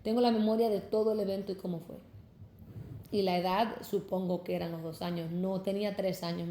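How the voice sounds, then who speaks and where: Cuban-born young woman, fervent preacher's testimony, mellow voice in an echoey room. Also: mid-range voice, a little hiss or hum. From Cuba. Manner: fervent, addresses listeners as brothers.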